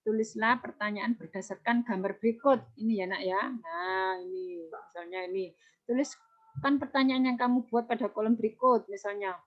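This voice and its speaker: Gentle teacher reading a lesson aloud. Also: female voice, mid-range voice. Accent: Javanese Indonesian. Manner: gentle, repeats "ya, Nak, ya" to pupils. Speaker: primary school teacher. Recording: dull lo-fi home recording.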